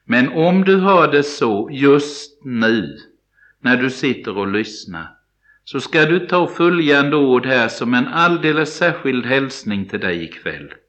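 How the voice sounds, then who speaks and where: A man's voice: medium pitch, big pitch swings, a bit bright. A man giving a devotional Bible study sermon, speaking earnestly and directly to the listener in a pastoral way. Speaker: preacher. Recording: dull lo-fi broadcast recording.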